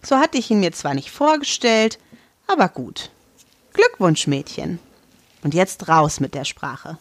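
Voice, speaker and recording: A woman voicing an eccentric, blunt old grandmother who speaks slowly and in a measured way. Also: on the low side, very animated, exaggerated voice. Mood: prodding. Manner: slow, measured, commanding.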